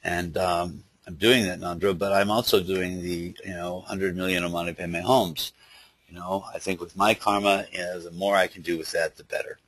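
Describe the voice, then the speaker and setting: A man with a lisp giving an informal spoken teaching in a halting, loosely worded way, as a Buddhist teacher. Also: sits low, flat delivery, fairly bright tone, husky, no room sound. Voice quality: lisp from dental problems.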